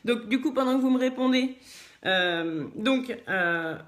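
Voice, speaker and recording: A woman from France, her voice fairly high and animated at a measured pace, teaches sewing at her machine in a live tutorial. She chats casually and thinks aloud as she works, using many fillers.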